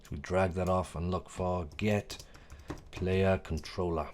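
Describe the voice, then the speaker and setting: A very low-pitched man walks through a tutorial in a casual, chatty way. He corrects his own slips and drops small jokes. His voice sounds a little hoarse, with keyboard typing now and then behind him. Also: little pitch movement, measured pace, darkish tone, slight background noise. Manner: chatty, self-correcting, jokey asides. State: voice going a bit hoarse. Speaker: tutorial host. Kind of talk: casual screen-recorded tutorial.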